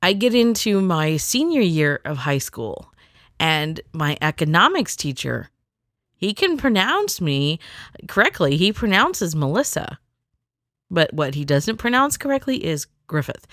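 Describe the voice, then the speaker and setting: A woman's voice: lowish voice, sing-song, measured pace, a bit bright, dry recording, clean studio sound. A middle-aged woman telling a rambling personal story in a chatty, casual way, acting out the people she quotes.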